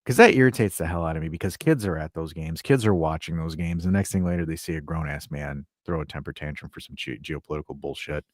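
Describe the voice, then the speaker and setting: Deep-voiced man ranting about football. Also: fast, hardly any pauses, dry recording, studio quality. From United States. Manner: profane, ranting, exasperated. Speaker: podcast co-host. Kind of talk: casual sports chat.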